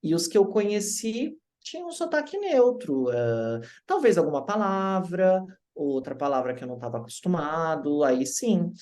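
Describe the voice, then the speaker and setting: A man from Brazil, an English teacher telling stories in a casual interview, lively and acting out the voices of people he quotes. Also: fairly high pitch, normal speed. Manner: animated, acts out quoted voices.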